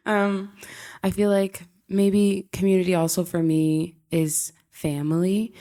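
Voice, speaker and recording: A woman's voice: deep voice, dark tone. A young woman, a transfer student on a panel, speaking with some hesitation and a shy laugh. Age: young adult. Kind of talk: panel discussion answers.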